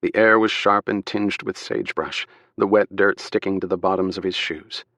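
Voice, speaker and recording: A man reading a thriller audiobook aloud in measured, steady scripted narration. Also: deep voice, no room sound.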